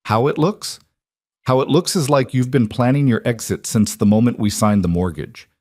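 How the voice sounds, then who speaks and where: A man voicing a betrayed single father in a quarrel, hollow and bitter, his voice turning sharp and accusing. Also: medium pitch, normal speed, no echo, clean studio sound, pitched above the performer's own voice, close to an everyday voice. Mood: angry.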